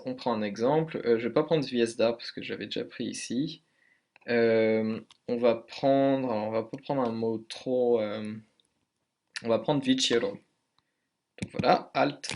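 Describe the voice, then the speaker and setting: A man speaking at a middle pitch, walking through a software tutorial in a relaxed way. He fills his sentences with hesitations and corrects himself as he goes, sounding unscripted. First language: French. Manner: hesitant, many fillers and self-corrections. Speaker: language tutor. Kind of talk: casual screen-recorded tutorial.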